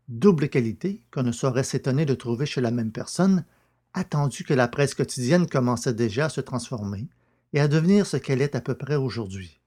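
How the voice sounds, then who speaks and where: A man giving a measured, steady scripted narration of a classic novel as an audiobook reader. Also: medium pitch. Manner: measured, steady literary reading.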